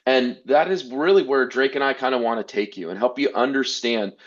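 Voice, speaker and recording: A man's voice: medium pitch, fairly quick. An earnest man presents a webinar over a video call, tripping over his words and restarting often. His voice sits mid-range, and the sound is dull and lo-fi. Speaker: workshop presenter.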